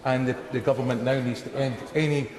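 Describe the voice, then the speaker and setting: A man's voice: medium pitch, fairly even intonation, quick pace. A man speaking as a member of parliament, making a heated, urgent intervention in a debate. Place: large indoor debating chamber. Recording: echoey chamber with crowd murmur.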